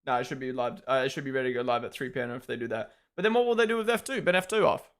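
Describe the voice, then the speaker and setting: A man's voice: medium pitch, very fast, a bit bright. A man hosting a live watch-along, talking loosely and swearing now and then. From New Zealand. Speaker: live stream host.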